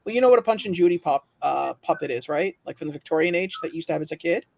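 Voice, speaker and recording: A man's voice: a little high, lively intonation, rapid-fire, vocal fry, slight background noise. A man co-hosting a collectibles livestream, chatting casually and telling anecdotes, acting out the people in his stories. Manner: storytelling, acts out quoted voices. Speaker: livestream co-host. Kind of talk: casual chat.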